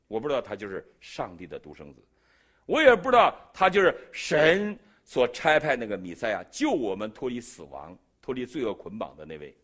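A middle-aged man from China with a Beijing accent, telling his testimony in a sermon and acting out the dialogue. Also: breathy edge. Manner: animated storyteller who jumps in pitch and loudness, acting out dialogue. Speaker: preacher giving a testimony.

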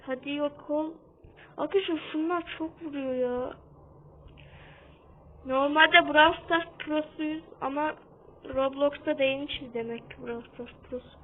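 A young-sounding woman giving casual gameplay commentary for her channel, half-shouting and keeping up a running chat with her viewers. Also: high voice, steady tone, unhurried, long pauses. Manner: talks a bit loudly on purpose, keeps calling out to viewers. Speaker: gaming channel host. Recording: tinny phone-like sound.

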